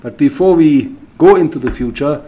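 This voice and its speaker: A man's voice: on the high side, moderate pace, mellow. A man hosting a conversational interview, asking short questions and offering brief, encouraging prompts.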